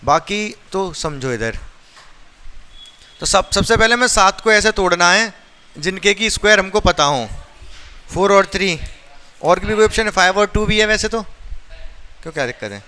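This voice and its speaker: A man's voice: sits high, lively intonation, moderate pace, long pauses, pushed and bright, smooth. A man teaching a maths lesson in a classroom, who keeps asking his students questions and then answers them himself.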